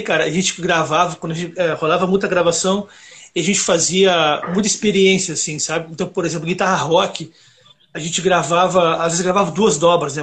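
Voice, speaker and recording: A high-pitched man talks shop in a loose, rambling way. He tells animated stories packed with fillers and asides, like a recording engineer chatting on a podcast. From Brazil. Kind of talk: casual podcast chat.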